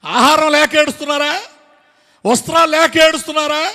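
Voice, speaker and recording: Male pastor, sermon, very high voice, long echo of a church hall, fervent questions and shouts. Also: brisk. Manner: impassioned preaching, rhetorical questions, bursts of shouting; addresses the congregation directly.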